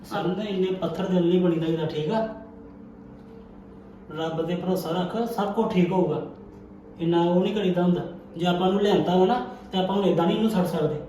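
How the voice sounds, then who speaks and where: A man playing a patient, kindly husband and elder brother in a family drama, speaking in a calm, reassuring way. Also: high voice, fairly quick, far from the mic, slight background noise, lightly acted. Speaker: actor in a family web drama. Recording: echoey room, faint music.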